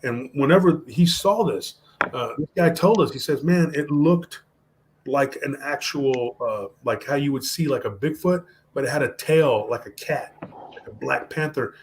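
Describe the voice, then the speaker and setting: A man telling a story on a podcast in a casual, animated way, mixing Spanish slang into his talk. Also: mid-range voice, moderate pace, slight background noise. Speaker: podcast guest.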